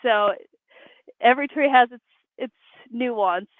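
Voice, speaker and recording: A woman's voice: fairly high pitch, slow pace, no room sound. A woman arborist answering interview questions, explaining in a matter-of-fact way over remote call audio. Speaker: arborist guest. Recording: tinny dry phone-like line.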